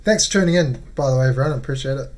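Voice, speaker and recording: A man's voice: medium pitch, rapid-fire. A man chatting casually and matily on a livestream, thinking aloud as he plays. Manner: friendly, matey, thinking aloud. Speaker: live streamer playing chess.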